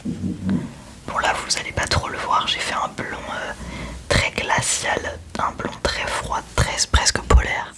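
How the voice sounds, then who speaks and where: A woman's voice: takes it slowly, bright, forceful tone. A young woman whispering casual ASMR chat into a close microphone while doing her makeup at home, chatty and self-mocking. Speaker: ASMR creator.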